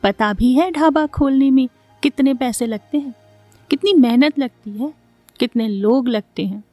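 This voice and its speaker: A woman's voice: sits high, measured pace, a little mellow, no room sound, faint music behind. A woman voicing an impatient, scolding older man who heads the family, in a storybook reading. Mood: mocking.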